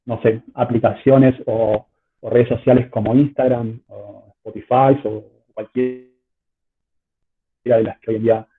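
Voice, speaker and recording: A man's voice: medium pitch, flat delivery, unhurried, husky, soft background music. A male teacher giving an online class lecture, stumbling over repeated words, his voice coming through choppy, glitchy video-call audio. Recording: tinny call line with faint noise.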